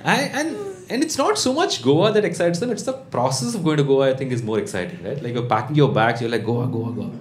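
In a small comedy club, a Bangalore comedian in his thirties with a mid-range voice and South Indian English accent performs a routine for a live crowd. His delivery is deadpan and conversational, with pauses and question tags on his lines. The handheld-type mic on a stand captures echoey live sound, audience noise and laughter.

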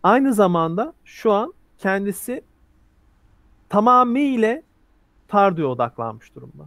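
A man's voice: sits high, very animated, measured pace, a bit bright, no echo. A man running a tabletop role-playing game, explaining rules and narrating action scenes vividly. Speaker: game master.

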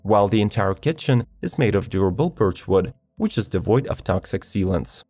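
Low-voiced male product narrator. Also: no echo. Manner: even, measured reading of specs. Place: studio voice-over. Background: faint background music.

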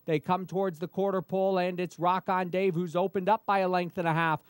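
A man's voice: high-pitched, flat delivery, a little fast, clean tone, no room sound, faint music behind. A man calling a horse race live as race caller, in an urgent, running flow of commentary.

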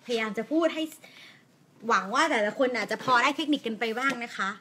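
A woman English teacher with a Thai accent, giving a chatty, encouraging live lesson and reading aloud slowly with pauses at punctuation. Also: on the high side, sharp tone, a little hiss or hum. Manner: encouraging, chatty, answers viewer comments. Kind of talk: live-streamed language lesson.

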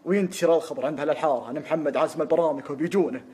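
A man telling a comic history story, animated and acting out every character. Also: a little high, racing, breathy edge.

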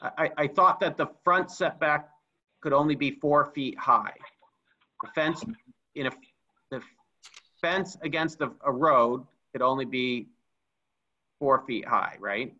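A man's voice: medium pitch, measured pace, long pauses, sharp tone, dull audio. A man chairing a town zoning board meeting over a video call, restating points with some repetition. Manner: repeats and restates points carefully.

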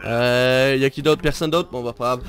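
A man's voice: mid-range voice, steady tone, normal speed, fairly bright tone, clear, resonant tone, soft background music. A man with a Québécois accent hosting a live game stream, chatting casually and teasing his friend and viewers. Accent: Québécois French. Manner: teasing, bantering, talks straight to viewers. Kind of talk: casual live gameplay commentary.

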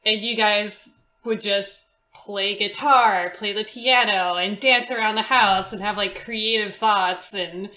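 A young woman from Indonesia, a podcast guest chatting casually in an animated, theatrical way and laughing often. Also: mid-range voice, slow, echoey room. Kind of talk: casual chat.

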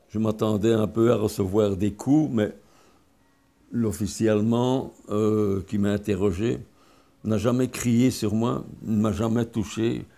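An older man from Belgium, recounting his memories in an interview in a halting way, often restarting and repeating words. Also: lowish voice, gravelly, warm tone. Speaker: interviewee, former wartime pilot.

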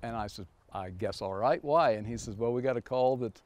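A man's voice: medium pitch, darkish tone, no room sound. A man in his fifties, a farmer from Kansas, telling a story in a casual interview with lots of fillers and restarts, in a machine shed. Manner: halting, storytelling with many fillers. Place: open machine shed by a tractor.

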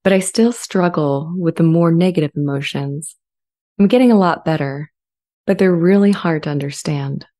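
A woman performs a dramatized transcript as an earnest, gentle sentient AI language model with a female voice, pacing her words deliberately. Her natural voice sits low, and she comes across as earnest and calm. Recording happens in an indoor home studio, close on a large condenser microphone with a pop filter.

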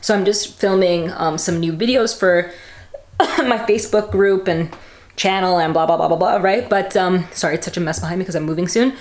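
A woman's voice: fairly low pitch, normal speed. A young woman from Canada chatting casually in a home vlog as a fitness coach, rambling with lots of fillers. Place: at home indoors.

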